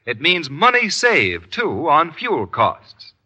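A man's voice: on the high side, wildly swooping pitch, slow, bright, forceful tone. A man announcing in an emphatic, formal old-time radio style, reading a scripted introduction on an old broadcast.

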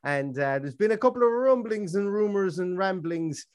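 A man's voice: high voice, normal speed, dry recording, studio quality. A man with an Irish accent casually hosting a live football fan show, chatty and rambling.

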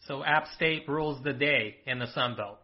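Man with a medium-pitched voice as interviewer, direct questions, dull recording. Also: normal speed.

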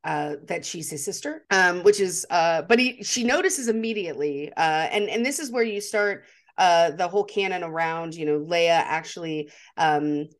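A woman co-hosts a podcast in casual chat, talking enthusiastically and rambling with many fillers and restarts. Her voice is lowish, her intonation lively, and her pace normal.

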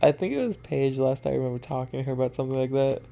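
A man's voice: medium pitch, rapid-fire, creaky, warm tone. A man co-hosting a podcast in casual, offhand, slangy chat with swearing. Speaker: podcast co-host.

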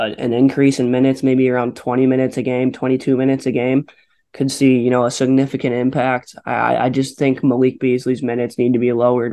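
Man, sports podcast co-host, monotone, hesitant, casual chat. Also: mid-range voice. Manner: hesitant, many fillers and restarts.

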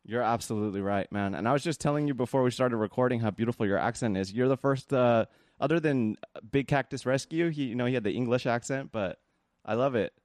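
A man's voice: medium pitch, fast, darkish tone, no echo, studio quality. A man from the United States hosting a podcast, talking in a friendly, enthusiastic, rambling way. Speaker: podcast host. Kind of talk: casual interview chat.

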